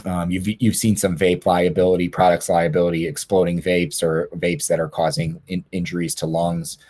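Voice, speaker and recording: A man with a deep, level voice speaks on a webinar panel over a video call. He talks earnestly and plainly as a lawyer, often doubling words when he starts a phrase again. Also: flat delivery, moderate pace, a little mellow.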